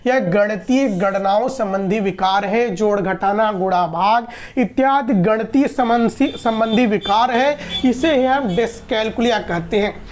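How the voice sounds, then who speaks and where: A woman's voice: medium pitch, slow pace, darkish tone. A woman teacher giving an exam-prep lecture, explaining patiently, repeating points and asking and answering her own questions.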